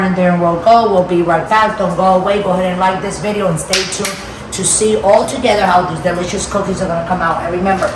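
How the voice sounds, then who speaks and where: A woman hosting a casual home cooking video, chatting to viewers in a conversational way and often checking for agreement. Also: lowish voice. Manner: conversational, repeatedly seeking agreement. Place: home kitchen. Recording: roomy, noisy kitchen, distant mic.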